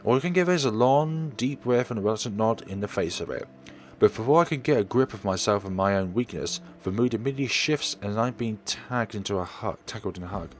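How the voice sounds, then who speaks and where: A let's player voices a visual novel in a dramatic storytelling manner, speaking a little fast in a lowish voice with lively intonation. Behind his narration, game music plays.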